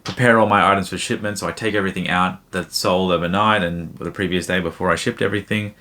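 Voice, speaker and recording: A young man casually answering viewer questions in a rambling, relaxed way. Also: sits low, fast talker. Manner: rambling, relaxed, lots of fillers. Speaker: YouTube card seller answering viewer questions. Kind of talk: casual chat.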